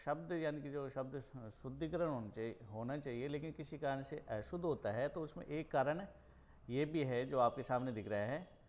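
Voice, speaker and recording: A male college teacher from Rajasthan, India, giving a recorded grammar lesson and repeating words slowly for emphasis. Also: medium pitch, a little mellow. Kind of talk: recorded Hindi grammar lecture. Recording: dull lo-fi recording.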